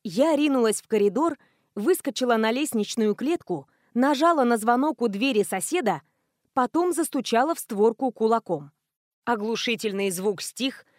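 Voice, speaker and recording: A woman narrating a first-person audiobook in a steady storytelling manner. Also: on the high side, no room sound, studio quality.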